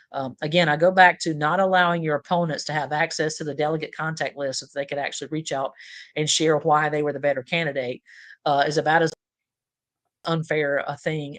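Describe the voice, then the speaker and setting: A man's voice: on the high side, fairly bright tone. A man hosting a political podcast, talking in a casual, opinionated way with many fillers.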